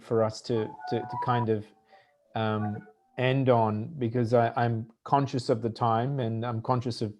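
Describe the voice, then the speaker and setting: Brief: male moderator, blended Australian and South African accent, mid-range voice, loose and halting, lots of fillers. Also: medium pitch. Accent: mixed Australian and South African. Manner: informal, halting, many fillers. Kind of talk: webinar moderating.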